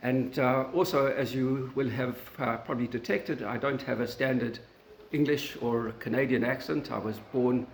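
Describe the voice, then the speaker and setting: A man from South Africa with a South African accent, giving an academic lecture in a university meeting room, halting often with fillers and restarts. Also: medium pitch, a little hiss or hum. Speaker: guest lecturer. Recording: echoey lecture room recording.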